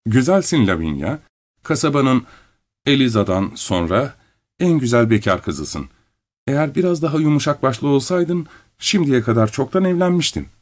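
A man's voice: mid-range voice, big pitch swings, normal speed, pitched above the performer's own voice, lightly acted. A man reading the part of an anxious young woman friend in a storybook, pleading and worried. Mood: coaxing.

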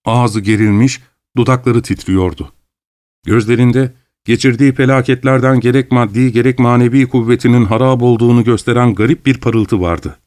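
A man narrating a story in a measured, unhurried way. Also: mid-range voice, steady tone, a little mellow, no echo, clean studio sound. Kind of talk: audiobook narration.

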